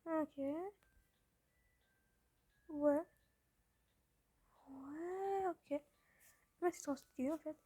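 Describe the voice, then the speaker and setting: Woman, high voice, casual gameplay commentary, chatty and rambling, slightly tired. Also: drawn-out words, long pauses. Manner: chatty and rambling, excitable, with many fillers. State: a little tired, just woken up. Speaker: gaming channel host.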